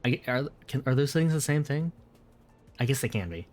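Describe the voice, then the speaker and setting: A man's voice: medium pitch, lively intonation, normal speed, darkish tone, soft background music. A man streaming late at night, chatting casually and rambling, correcting himself as he replies to viewers.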